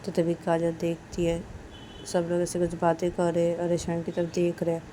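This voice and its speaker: Low-voiced woman telling a story. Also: monotone, moderate pace, dark tone, slight background noise. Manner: simple, repetitive linking phrases. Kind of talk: casual spoken storytelling.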